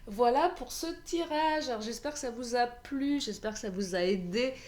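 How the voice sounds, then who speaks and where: Hoarse woman giving a chatty card reading. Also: on the high side, moderate pace, darkish tone. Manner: chatty, self-mocking, laughs and clears her throat often. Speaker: tarot card reader. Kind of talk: card reading guidance video.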